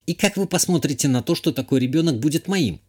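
A man voicing a proud, irritable young noblewoman, a countess, in an audiobook. He gives her a sharp, reproachful way of talking. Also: on the high side, animated, quick pace, slightly rough, pitched above the performer's own voice. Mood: indignant.

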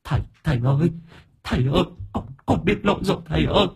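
A man's voice: a little high, fast talker, gravelly, breathy edge, voice pushed up, exaggerated voice. A man voicing a cowardly clown demon who stammers and whines in a pleading way. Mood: whimpering plea.

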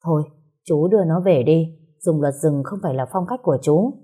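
A woman's voice: deep voice, fairly quick, warm tone, husky. A woman voicing a cold, curt gang boss sister.

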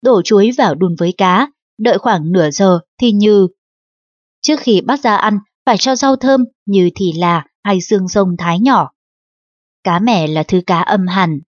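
A woman narrating a historical novel as an audiobook in a steady, even reading. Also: medium pitch, no echo. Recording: dull lo-fi audiobook recording.

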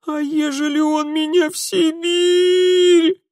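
A man's voice: very high voice, lively intonation, darkish tone, dry recording, clean studio sound, pitched above the performer's own voice, exaggerated voice. A man voicing a frightened, tearful young factory girl who rattles off her words in a whiny rustic way. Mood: pleading. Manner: rapid, whiny, dialect-tinged speech.

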